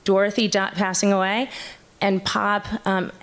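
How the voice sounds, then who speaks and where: A woman telling a personal story live on stage, nervous and halting, often restarting her sentences. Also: medium pitch, level tone, a bit bright.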